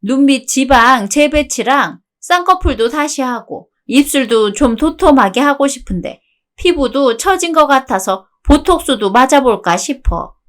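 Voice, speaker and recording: A woman's voice: high-pitched, lively intonation, measured pace. A woman voicing a bossy, scornful older mother-in-law who nags and scolds in a radio drama. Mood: demanding. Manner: nagging, scolding. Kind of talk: Korean radio drama dialogue.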